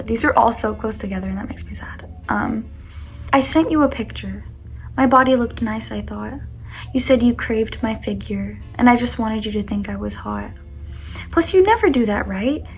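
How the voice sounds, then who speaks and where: A young woman with a fairly high voice shares personal poetry in a confessional vlog style. Her delivery is earnest and exposed, a little self-conscious, moving between reading and casual asides. Music plays behind her. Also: vocal fry. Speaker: vlogger reading their own poetry.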